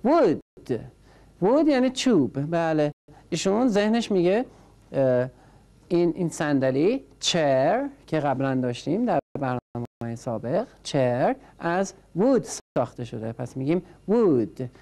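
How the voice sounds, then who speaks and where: A woman's voice: low-pitched, big pitch swings, warm tone. A woman teaching a language class, patiently drilling words by repetition and prompting each learner in turn. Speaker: English teacher.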